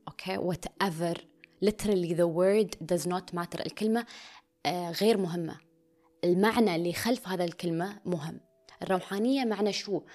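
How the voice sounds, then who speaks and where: A woman's voice: fairly low pitch, darkish tone. A woman speaking in an intimate, confessional way, often dropping to a near whisper and slipping into English phrases. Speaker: vlogger. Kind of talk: personal confessional monologue.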